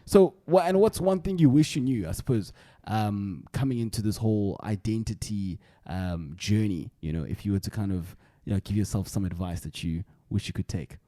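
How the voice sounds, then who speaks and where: A man's voice: on the low side, normal speed, hardly any pauses, mellow, no echo, clean studio sound. A young man with a South African accent hosting a podcast in casual, slangy chat, often repeating his phrases. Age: young adult. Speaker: podcast host.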